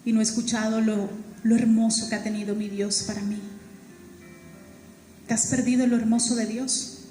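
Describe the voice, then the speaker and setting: A woman's voice: fairly high pitch, little pitch movement, normal speed, dark tone, soft background music. A woman pastor with a Colombian Caribbean accent, preaching a fervent, emphatic sermon and repeating key phrases. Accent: Colombian Caribbean Spanish. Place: church hall. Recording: echoey church hall with long reverb.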